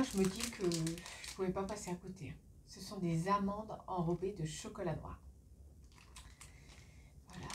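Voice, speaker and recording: A woman's voice: a little high, recorded from a distance, a little hiss or hum. A woman from France chatting casually through a shopping haul, laughing often and filling her speech with hesitations, recorded on a phone. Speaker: vlogger.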